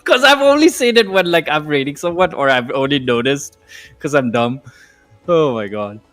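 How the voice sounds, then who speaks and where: A man from Nepal, chatting casually on a live game stream, laughing easily and reacting out loud to play. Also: a little high, animated, normal speed, soft background music. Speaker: gaming streamer. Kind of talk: casual live-stream chat while gaming.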